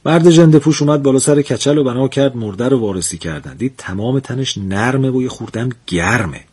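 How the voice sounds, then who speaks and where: A man telling a humorous folk tale as a lively storyteller who chuckles between scenes. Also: mid-range voice, husky.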